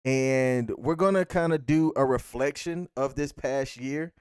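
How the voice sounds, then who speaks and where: A man's voice: medium pitch, measured pace, darkish tone, clean tone, no room sound, studio quality. An American man co-hosting a casual live-stream chat as a podcast host.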